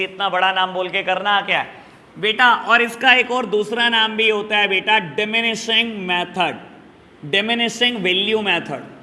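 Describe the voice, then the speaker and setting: During a classroom lecture on accounts, a man repeatedly addresses his students fondly as "beta" and keeps checking in with "clear?" to confirm they're following. His tone is sharp and high-pitched, and the sound trails off in a long reverb.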